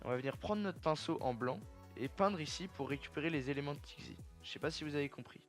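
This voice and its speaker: A young man casually talking viewers through a software tutorial step by step, chatty and informal. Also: on the high side, fast, faint music behind. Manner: chatty, step-by-step, addresses viewers as "les gars". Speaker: tutorial creator.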